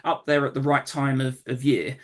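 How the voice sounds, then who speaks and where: A man with a London accent, a comedian telling stories in a casual interview, relaxed with many fillers and restarts. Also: medium pitch, moderate pace. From England. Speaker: comedian guest.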